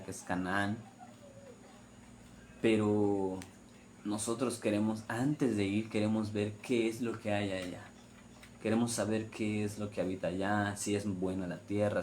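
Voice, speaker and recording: Low-voiced man preaching emphatically. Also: a little mellow, slight background noise. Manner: repetitive, emphatic preaching with rhetorical questions. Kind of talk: sermon on the weekly Torah portion.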